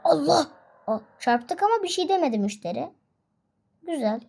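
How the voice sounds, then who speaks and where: Excitable high-pitched woman narrating gameplay. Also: normal speed, creaky. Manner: chatty and excitable, frequent exclamations and laughs. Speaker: gaming video host. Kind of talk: casual gameplay commentary.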